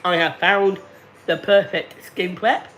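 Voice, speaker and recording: A man in his late thirties talking slowly and deliberately to viewers on a casual live stream, repeating himself often. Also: high voice, fairly even intonation, a bit bright, slight background noise. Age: 30s. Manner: slow, deliberate and repetitive. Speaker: livestreamer.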